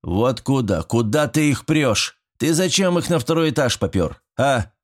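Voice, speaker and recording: A man voicing a gruff, bossy one-armed elderly school caretaker and war veteran who barks and scolds his son. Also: mid-range voice, lively intonation, unhurried, voice pushed up. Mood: scolding. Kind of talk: audiobook character voice.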